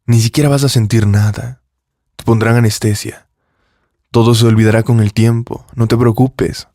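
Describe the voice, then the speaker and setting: A man's voice: medium pitch, level tone, moderate pace, mellow, no echo, studio quality, natural voice. A man playing a rich, arrogant young businessman who speaks in a dismissive, controlling way. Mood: cold.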